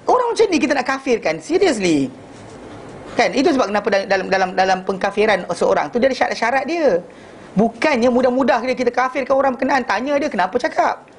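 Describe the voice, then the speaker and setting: A man teaching an informal religious class, telling animated stories and acting out dialogue, with many restarts and English phrases mixed in. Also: extremely high pitch, fast talker, slight background noise.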